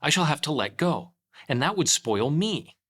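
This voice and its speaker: A man's voice: a little high, big pitch swings, moderate pace, sharp tone, voice pushed up, full character voice. A man voicing an earnest, solemn, slightly foolish toy bear in a children's storybook. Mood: anxious. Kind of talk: children's storybook read-aloud.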